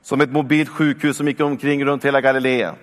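A man's voice: mid-range voice, little pitch movement. A man in his forties preaching a sermon, exhorting his listeners with repeated calls to come on. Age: 40s. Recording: long reverb of a church hall.

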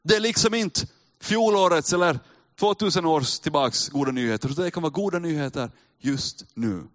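Male preacher, fairly high voice, chatty sermon delivery that builds in emphasis. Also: a bit bright. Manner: conversational, addresses listeners directly, rises in emphasis. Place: church with a live audience.

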